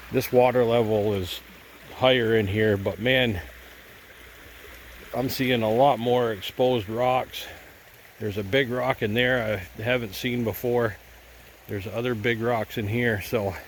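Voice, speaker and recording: Standing by a chilly stream, a man with a head cold rambles through some easygoing vlog narration about gold prospecting, thinking out loud as he goes. He speaks at a medium pitch, and there's slight hiss or hum in the audio.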